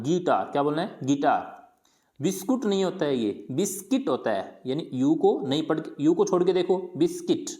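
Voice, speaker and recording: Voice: mid-range voice, a little mellow. A teacher giving a patient pronunciation lesson, asking a question and then answering it, and repeating each word several times. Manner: colloquial, patient drilling of words. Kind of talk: explanatory lesson.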